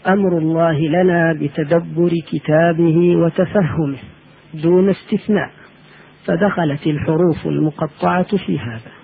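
A man giving a religious lesson on Quran recitation, explaining slowly and chanting the letters in drawn-out tones. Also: fairly high pitch, vocal fry, breathy edge. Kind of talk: religious lecture. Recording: tinny phone-like lo-fi audio.

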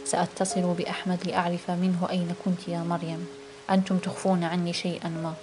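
A woman's voice: lowish voice, completely flat delivery, fast, over music, natural voice. A woman reading the part of a tense young husband pressing his wife with questions in an audiobook.

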